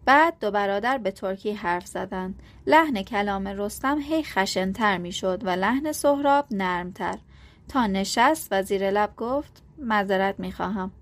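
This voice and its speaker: A woman narrating a novel in a steady, measured reading. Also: mid-range voice. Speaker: audiobook narrator. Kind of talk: scripted literary narration.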